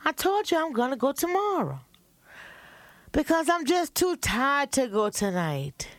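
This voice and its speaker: A woman's voice: high voice, sing-song, unhurried, faint music behind. A woman playing a downtrodden, battered woman in a radio comedy sketch, pleading and later defiant. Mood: tired. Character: battered woman who finally fights back.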